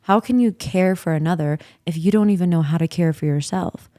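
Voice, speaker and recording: A woman's voice: on the low side, fairly quick, warm tone, no echo, clean studio sound. A woman in a casual spiritual chat, speaking in a reflective, searching way with many fillers.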